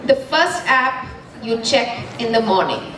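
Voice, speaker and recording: A woman with an Indian accent hosting a live event and asking rapid-fire questions. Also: a little high, big pitch swings. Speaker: event host. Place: event hall with an audience. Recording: very echoey hall, distant, noisy crowd.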